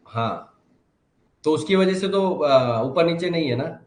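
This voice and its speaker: A man's voice: on the high side, animated, slow. Male auto trainer, assured and instructive, echoey room. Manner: confident, reassuring, instructive. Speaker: automotive diagnostics trainer. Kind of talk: live online training Q&A.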